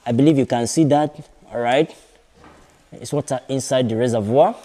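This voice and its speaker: A young man from Nigeria giving a walking video tour of a fish farm, talking haltingly with many fillers and repeated phrases. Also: medium pitch, dark tone. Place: large concrete fish farm buildings, partly open-air. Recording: long reverb in bare concrete halls.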